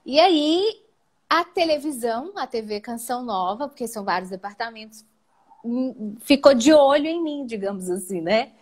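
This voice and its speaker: A woman with a Brazilian Portuguese accent telling her own story as an interview guest. She speaks in an animated way, often adds "né?" and leaps up in pitch. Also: moderate pace. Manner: animated, with frequent "né?" tags and sudden jumps up in pitch. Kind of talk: emotional personal storytelling in a live interview.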